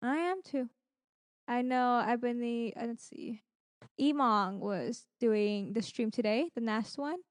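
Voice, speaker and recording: On a casual podcast about gaming streams and giveaways, a female co-host takes her time, her voice on the high side. She meanders along and animatedly performs the quotes in the stories she retells. It's studio-quality audio with no echo.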